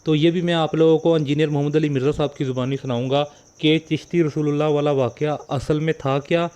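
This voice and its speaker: A man's voice: fairly high pitch, a little mellow. A man hosting a religious video channel, speaking directly to viewers and posing rhetorical questions. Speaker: channel host. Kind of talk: video introduction and commentary.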